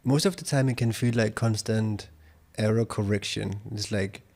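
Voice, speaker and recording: A man's voice: fairly low pitch, normal speed, darkish tone. A man hosting a therapy-style interview, asking probing questions while searching for words with many fillers. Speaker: podcast host and interviewer.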